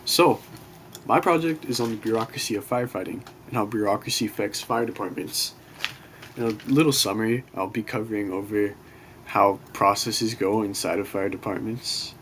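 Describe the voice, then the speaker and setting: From a bedroom in an apartment next to a street, a student gives a relaxed class presentation, his lowish voice quiet and a little self-conscious. He rambles somewhat and keeps apologizing for it, with faint street noise audible in the background.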